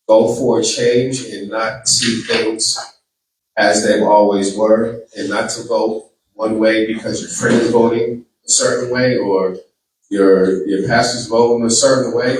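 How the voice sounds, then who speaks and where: A political candidate from Boston, Massachusetts, with a Boston accent gives a campaign speech and takes questions in a large room before an audience. He is earnest, often repeats his words, and has a medium-pitched voice. The distant mic catches slight background noise and room echo.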